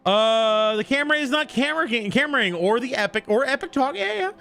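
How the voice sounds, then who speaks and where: A man's voice: very high-pitched, a little fast, vocal fry, faint music behind. A man streaming live, chatting casually and jokily with viewers and greeting them by name. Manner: animated, jokey, greets chat members by name.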